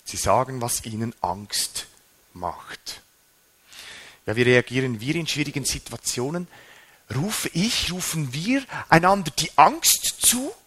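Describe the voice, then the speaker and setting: A man preaching a sermon, animated, his voice rising and dropping sharply for emphasis. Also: medium pitch, a little slow, breathy edge.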